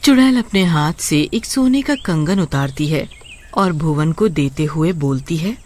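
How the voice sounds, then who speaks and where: A woman's voice: sits low, expressive, measured pace, a little mellow, slight background noise. A woman narrating a cartoon children's story in a scripted, storytelling manner.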